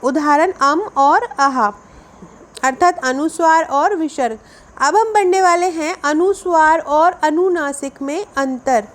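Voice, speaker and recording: Lady tutor, high voice, explains things step by step and repeats herself. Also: slow. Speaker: exam coaching teacher. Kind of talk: explaining Hindi grammar for an exam.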